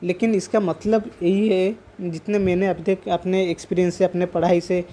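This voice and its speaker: A man teaching palm reading in a casual talk to camera, his voice mellow and relaxed. He restates points as he goes and slips English terms into his sentences. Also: sits high, normal speed. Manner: repeats and rephrases points while explaining; sprinkles English terms into speech. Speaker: palm reader.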